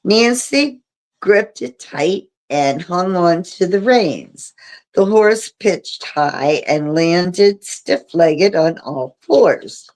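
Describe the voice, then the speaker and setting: Slow, low-voiced woman reading aloud. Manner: slow, steady storybook reading. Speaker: reader. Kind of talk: reading a novel aloud on a livestream.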